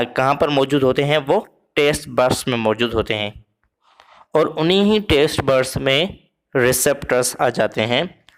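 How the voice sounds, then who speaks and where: With a mid-range voice, a man teaches a biology lesson slowly and haltingly, using many fillers. He reads lines in English and then explains them in simple terms.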